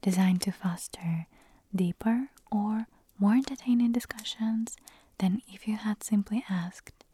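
A dark-toned, medium-pitched whisper comes from an ASMR creator whose voice is raspy and hoarse, nearly gone. She talks a little slowly, giggling and dropping chatty jokes at her own expense, and there's no room sound.

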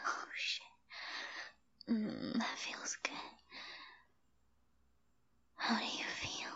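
A young adult woman speaking in a soft, hushed whisper with frequent sighs, performing an intimate roleplay. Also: a little high, husky, no echo, lo-fi sound.

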